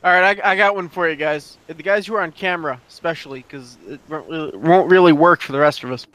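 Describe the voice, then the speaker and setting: A tipsy man chatting as a podcast guest, explaining things in a slow, deliberate way. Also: a little high, fairly bright tone. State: tipsy from drinking. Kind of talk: casual chat.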